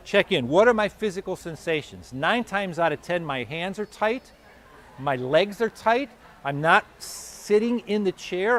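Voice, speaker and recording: A man giving a live self-help talk at an expo, conversational and animated, acting out his own inner voice. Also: fairly high pitch, slight background noise. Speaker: motivational speaker. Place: expo hall or venue.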